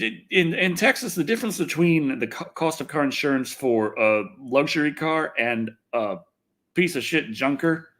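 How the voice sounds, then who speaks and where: A man with a slightly high, fairly bright voice hosts a rambling, casual livestream and reads out comments. He gripes with wry exasperation and swears freely.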